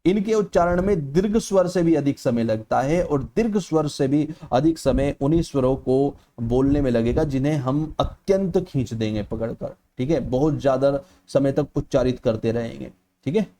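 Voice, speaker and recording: A man's voice: medium pitch, normal speed, dark tone. A male teacher giving an exam-prep lecture in an explanatory manner, often checking in with "okay" and stretching out vowels aloud to show how they sound. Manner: explanatory, repeats "ठीक है" often.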